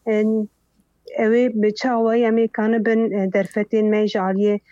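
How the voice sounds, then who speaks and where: A woman's voice: mid-range voice, little pitch movement, dark tone, dry recording, highs cut off. A woman festival organizer answering interview questions, hesitant and full of fillers.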